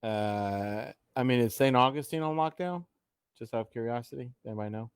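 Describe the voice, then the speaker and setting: A man's voice: medium pitch, fairly quick, clean tone, no echo, clean studio sound. A middle-aged man co-hosting a casual live-stream chat, joking and exclaiming often with trailing asides.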